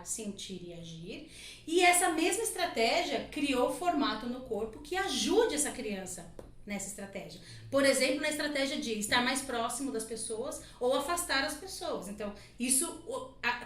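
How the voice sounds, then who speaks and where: A woman with a high voice explains her work as a podcast guest, talking at length and looping in little asides. She sits back from the microphone in an echoey room with a faint hiss underneath. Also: a bit bright. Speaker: guest body analyst. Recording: echoey room, mic at a distance, faint noise.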